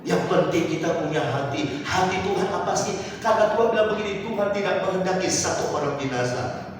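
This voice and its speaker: A man preaches a sermon, moving from a chatty anecdote to loud, climbing exhortation. His voice carries from a distance through a long, reverberant hall. Clear background noise sits under the recording. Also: high voice, lively intonation, quick pace. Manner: storytelling, rising to loud exhortation. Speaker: pastor. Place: large church hall. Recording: echoey hall from far off, noisy.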